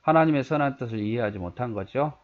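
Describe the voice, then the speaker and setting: A man's voice: medium pitch, lively intonation, fast. A male pastor explaining Bible verses in a conversational way, asking his listeners rhetorical questions. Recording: dull lo-fi recording.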